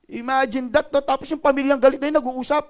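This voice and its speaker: A man's voice: very high voice, fairly even intonation, fast talker. A male pastor preaching a sermon in a playful way, joking with the congregation. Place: church service.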